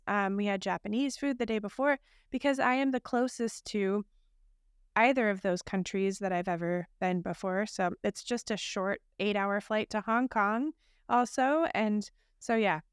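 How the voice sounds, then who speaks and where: Chatty woman with a smooth, clear voice. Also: medium pitch, unhurried, no room sound, studio quality. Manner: chatty, laughing, filler-heavy storytelling. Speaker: podcast co-host. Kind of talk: casual podcast chat. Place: abroad in a hotel room or similar.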